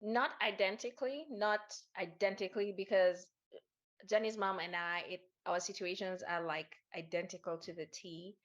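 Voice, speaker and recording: A woman's voice: mid-range voice, steady tone, moderate pace. A woman from Kenya answering interview questions in an earnest, emphatic way. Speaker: guest. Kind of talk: interview conversation.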